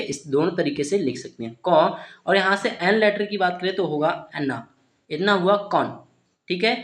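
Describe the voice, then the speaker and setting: A man's voice: fairly high pitch, fairly bright tone. Man teaching spelling, echoey room. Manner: repeats ठीक है, asks and answers himself. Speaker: English tutor. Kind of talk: spelling lesson for beginners. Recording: roomy echo.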